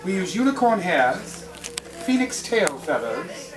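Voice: medium pitch, big pitch swings, music in the background. A grand, mysterious wizard wandmaker. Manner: theatrical, drawn-out dramatic pauses, audience-addressing. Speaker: live show performer. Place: live venue with an audience. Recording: distant live recording with loud room noise.

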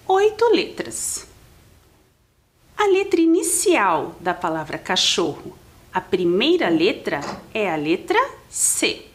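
A woman teacher with a Brazilian Portuguese accent giving a slow, clear literacy lesson to young children, spelling out letters and counting syllables with her pupils. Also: medium pitch.

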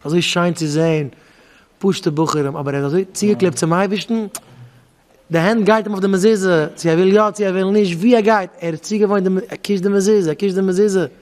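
High-voiced rabbi in a reverberant hall. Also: male voice, fairly quick. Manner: animated, acts out back-and-forth dialogues. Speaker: rabbi giving a talk.

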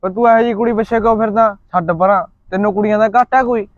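A man's voice: high-pitched, steady tone, quick pace, dry recording, close to an everyday voice. A man plays an easygoing village friend, teasing and offering advice. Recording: lo-fi, from off mic.

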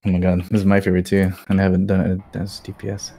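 A man's voice: sits low, completely flat delivery, fast, gravelly, warm tone. A man talking casually on voice chat as a teammate in an online game.

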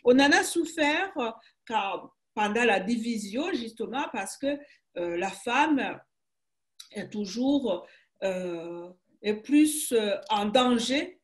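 Woman, 60s, author being interviewed, slow-paced, slightly high voice, halting, hesitant phrasing. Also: animated. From Rwanda. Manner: halting, searching for words, many restarts. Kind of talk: public conversation interview.

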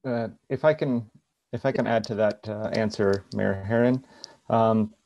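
A man's voice: fairly low pitch, steady tone, a little slow, creaky, a little mellow, no echo, dull audio. A man city official adding explanation in a council meeting, hesitant with many fillers, on a video call.

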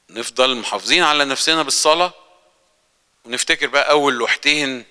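An Egyptian man preaches to his congregation in a very bright, ringing voice with a smooth, crisp tone. His delivery is earnest and conversational, full of questions aimed at his listeners. Long reverb from the church hall trails behind his words. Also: mid-range voice. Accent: Egyptian Arabic. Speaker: lay preacher. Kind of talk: sermon.

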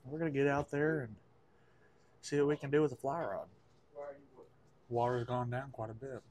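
A man casually narrating his fishing trip vlog in a relaxed, easygoing way. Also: medium pitch, normal speed.

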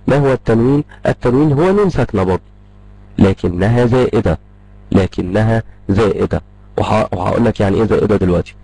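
A man's voice: fairly low pitch, vocal fry, mellow, dry recording, low-quality recording. A man with an Egyptian Arabic accent giving an online tajweed lesson, repeating each point and checking understanding as he goes. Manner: rapid, repetitive explaining, checks in with "tamam?". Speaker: Quran recitation teacher.

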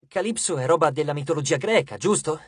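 Narrator doing a steady teen boy, matter-of-fact, slow, dry recording. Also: mid-range voice, slightly rough, dry recording. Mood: pacato.

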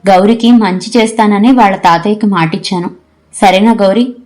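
A woman reading out a gentle, patient young husband in an audio story, in a soft, reassuring manner. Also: medium pitch, normal speed, soft background music, lightly acted.

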